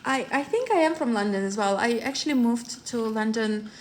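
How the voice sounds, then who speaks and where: A woman's voice: on the high side, lively intonation, normal speed. Woman in her 30s chatting live on a phone, lots of ums and restarts, faint hiss behind. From Ukraine. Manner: chatty, rambling, laughs often, many fillers and restarts. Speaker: tarot reader. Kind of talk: live-stream chat with viewers.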